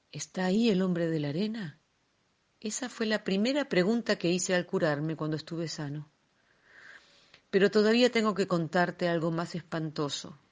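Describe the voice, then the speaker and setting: A woman reading a classic tale aloud in a measured, expressive storytelling manner. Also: lowish voice. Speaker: reader.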